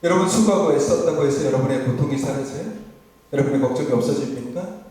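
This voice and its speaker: Echoey Korean pastor preaching in church. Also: male voice, medium pitch, lively intonation, fast, dark tone. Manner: rhetorical questions to the congregation. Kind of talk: sermon. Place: church sanctuary. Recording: echoey church hall from far off.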